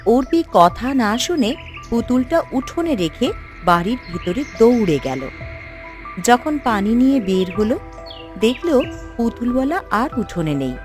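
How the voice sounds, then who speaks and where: A woman narrates a storybook cartoon in a lively, expressive way, her pitch rising and falling through each line. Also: a little slow, soft background music.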